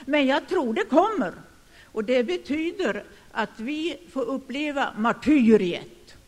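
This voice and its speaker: An older man preaching a sermon, speaking emphatically and rising to sudden loud declarations. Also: very high-pitched, animated. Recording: long hall reverb.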